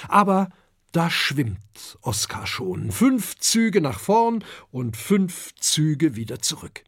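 A husky-voiced narrator reading a children's story aloud. The telling is slow and expressive, with a lively, wide-ranging melody. The recording is dry and close. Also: mid-range voice, no echo. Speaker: audiobook narrator.

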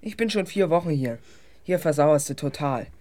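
A woman's voice: sits low, lively intonation, normal speed, warm tone. A woman playing a sulky, cheeky young boy patient in a children's audio drama. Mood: glum. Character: sullen, gloomy boy patient.

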